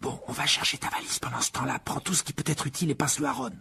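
A man's voice: mid-range voice, fairly even intonation, racing, creaky, pushed and bright, slightly rough, pitched above the performer's own voice, full character voice. Man playing a breezy teenage twin. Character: cheeky teenage boy wizard twin.

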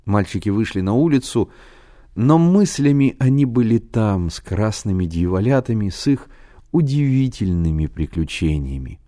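A man reading a novel aloud as narrator, in an expressive storytelling manner. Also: fairly low pitch, normal speed. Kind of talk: scripted narration.

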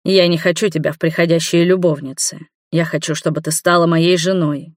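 A reader voicing an earnest older man, just out of hospital, pleading softly. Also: fairly high pitch, little pitch movement, fairly quick, dry recording, clean studio sound, close to an everyday voice. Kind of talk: audiobook dialogue.

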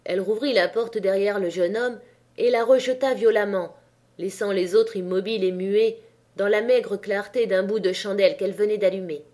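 A woman narrating an audiobook of a classic novel in a measured, expressive reading. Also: mid-range voice. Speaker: audiobook reader.

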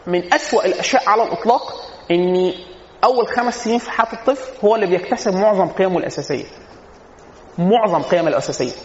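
An Egyptian man speaks fast in a fairly high voice, delivering a casual religious lecture on family life and answering his own rhetorical questions with humor. The dull, lo-fi recording has a long echo like a large hall, plus a little hiss or hum.

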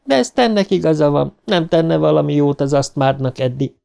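A man reading a young girl in a gang of boys, talking briskly. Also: a little high, animated, gravelly, a little mellow, clear, resonant tone, voice pushed up. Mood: matter-of-fact.

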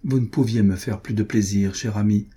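A man's voice: lowish voice, fairly even intonation, brisk, dark tone, husky. A man reading the part of a devout, tender young duchess, in a plaintive inward monologue from a storybook. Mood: weary gentle.

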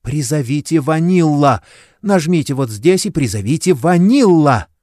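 A man's voice: mid-range voice, very animated, normal speed, a little mellow, no room sound, studio quality, pitched above the performer's own voice, close to an everyday voice. A man voicing a scheming, haughty princess with a silky, commanding manner. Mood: imperious.

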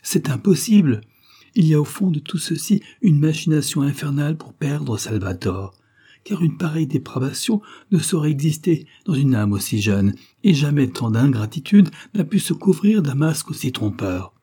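A man's voice: a little high, lively intonation, moderate pace, dark tone, slightly rough, pitched above the performer's own voice. A man reading a storybook, voicing a distraught young noblewoman who pleads in a raised, partly whispered voice. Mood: pleading.

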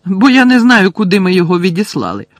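A man voicing an unflappable teenage prankster boy who talks calmly and teasingly. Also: high voice, quick pace, no echo, clean studio sound, faint music behind, pitched above the performer's own voice.

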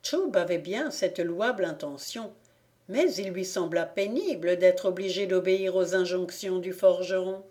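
A woman reads a classic tale aloud as an audiobook narrator. Her delivery is measured and unhurried, with a mellow, rather low tone. Every phrase is given room to settle. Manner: measured, even reading. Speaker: audiobook reader.

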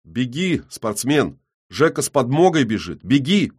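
A man's voice: mid-range voice, big pitch swings, a little slow, a little mellow, slightly rough, voice pushed up. A man doing a jittery young street thug. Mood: panicked.

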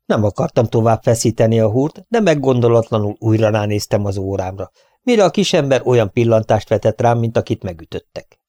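Steady male audiobook narrator. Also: lowish voice, no room sound. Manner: steady, measured storytelling. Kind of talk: scripted narration.

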